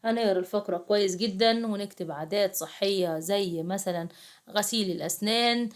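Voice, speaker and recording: A woman's voice: mid-range voice, fairly quick. A young woman with an Egyptian accent works through a lesson with second graders. She talks casually and coaxingly, often breaking off and restarting, and calls her pupils in to look along with her. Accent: Egyptian Arabic. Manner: chatty, coaxing, addresses pupils directly, frequent restarts. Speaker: private tutor teaching second graders. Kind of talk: casual classroom explanation.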